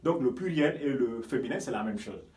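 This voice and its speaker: A man's voice: medium pitch, animated, a little fast, darkish tone. Guy teaching grammar, keeps saying ok?, far from mic, echoey room. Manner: repetitive, checks understanding with frequent "ok?"; stresses German example words, drops off at phrase ends. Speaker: German teacher. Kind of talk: classroom-style grammar lesson. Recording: roomy echo, mic at a distance.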